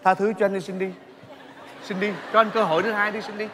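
A man's voice: high-pitched, flat delivery, fast, pushed and bright. An actor playing a remorseful, clownish aging husband, melodramatically begging his wife to forgive him. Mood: pleading. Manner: pleading, melodramatic, half-sung. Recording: live stage, music and audience.

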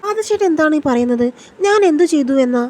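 A woman's voice: high voice, expressive, fast, darkish tone, a little hiss or hum. A woman voicing a scheming young man who mocks his cousin's wife and then denies everything. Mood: pleading. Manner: mocking, then defensive denials.

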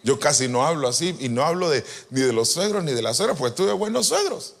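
A man preaching a sermon to pastors, animated and joking with the congregation, swinging from loud to soft. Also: a little high, brisk, vocal fry. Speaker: apostle preaching. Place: church retreat hall.

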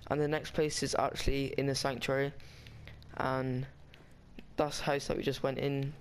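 A man's voice: medium pitch, little pitch movement, moderate pace, clear, resonant tone. A man talking casually over a game walkthrough, rambling and chatty with frequent restarts. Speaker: gaming guide maker.

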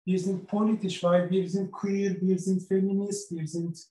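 High-voiced man. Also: little pitch movement, mellow, a little hiss or hum. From Turkey. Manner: searching for words, many pauses and fillers. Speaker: festival organizer. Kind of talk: interview answers over video call. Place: indoor office with film posters. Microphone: webcam on a video call. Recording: echoey room.

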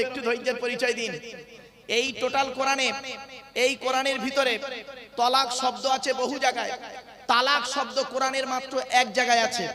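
Male preacher, very high voice, live sermon, crowd clearly heard, rhetorical questions, drawn-out stressed words. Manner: fires rhetorical questions at the audience; stresses and stretches words to correct pronunciation. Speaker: Islamic preacher.

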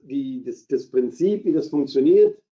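A man's voice: mid-range voice, animated, unhurried, warm tone. A middle-aged Belgian man with a Dutch-speaking accent presenting a trading strategy in a live webinar, hesitant, with many fillers as he searches for German words. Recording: dull lo-fi webinar audio.

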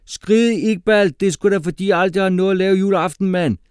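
A man voicing a brash, cocky schoolboy who talks in slang and shouts. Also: sits high, clear, resonant tone, no echo, studio quality, pitched above the performer's own voice, lightly acted.

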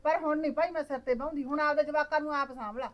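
A woman with a Punjabi accent playing a sharp-tongued village mother-in-law who scolds fast and loud. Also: sits high, steady tone, highs cut off, lightly acted. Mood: grumbling. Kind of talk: village family drama acting.

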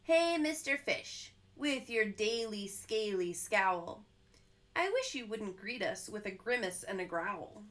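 A soft-spoken, drifting jellyfish, as a woman puts him on, asking kindly and slowly. The voice sits fairly high and wanders up and down. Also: big pitch swings. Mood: pleading. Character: gentle drifting male jellyfish.

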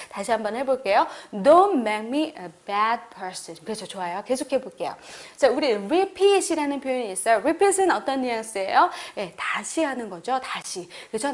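A woman teaching English phrases in a lesson, speaking Korean and voicing English model sentences slowly for repetition, often checking in with the learner. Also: on the high side. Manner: frequent "그쵸?" check-ins with the learner.

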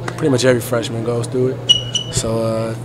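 A young man in a postgame press scrum, answering reporters in a subdued, halting way with lots of fillers, recorded on phones held close. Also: medium pitch, flat delivery. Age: young adult. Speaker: college basketball player. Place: crowded arena interview area, curtained backdrop. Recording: crowd noise behind the voice. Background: crowd chatter.

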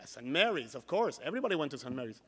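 A man voicing a calm, matter-of-fact bar patron in a joke, in a reverberant hall. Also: a little high, rapid-fire, slightly rough.

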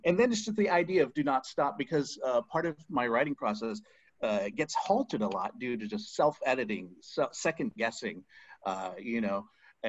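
A man's voice: mid-range voice, slightly rough, dry recording. Hesitant man on a dull video call. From United States. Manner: hesitant, many ums and restarts. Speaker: spoken word artist, guest. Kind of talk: casual video-call interview. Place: home room, seated on a couch. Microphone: video call webcam.

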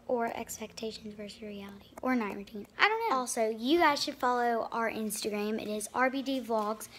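Holding her camera by a little creek outdoors, a woman rambles cheerfully through a casual vlog, her speech full of fillers. Her voice is high, and there's a little hiss or hum in the recording.

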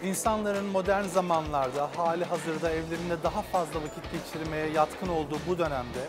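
A young man in a suit giving a formal, fluent testimonial at a trade fair booth. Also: sits high. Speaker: company representative.

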